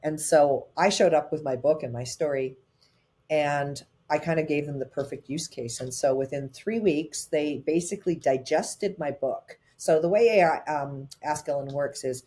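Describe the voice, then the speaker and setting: A woman tech advisor, appearing as a guest, tells her story in a lively, conversational way with a voice that sits low. She talks in animated, quick bursts, often speeding up, and fills gaps between phrases with "um" and "uh."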